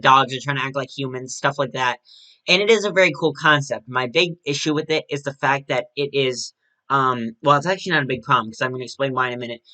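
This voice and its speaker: Male reviewer, bright forceful tone, casual chatty delivery full of restarts. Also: mid-range voice, poor audio. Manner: chatty, with frequent restarts and self-corrections. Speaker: toy and prop reviewer.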